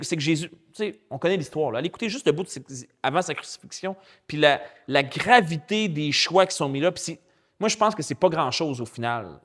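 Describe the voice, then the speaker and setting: Animated Québécois pastor, somewhat high voice. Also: male voice. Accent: Québécois French. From Quebec. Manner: animated, colloquial and chatty, with spoken English slang. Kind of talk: storytelling sermon.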